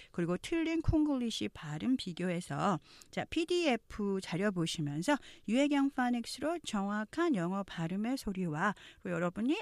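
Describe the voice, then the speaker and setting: A woman's voice: medium pitch, no room sound. A woman teaching English pronunciation in an online lesson. She explains each point step by step and coaches learners to repeat after her. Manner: slow, exaggerated model readings of English phrases.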